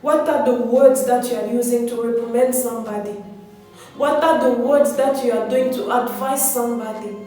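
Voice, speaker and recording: A woman's voice: a little high, steady tone, normal speed, dark tone. Echoey, distant woman giving a motivational speech. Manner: earnest, exhorting, repeats phrases for emphasis. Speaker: motivational speaker. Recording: very echoey, distant mic, music behind.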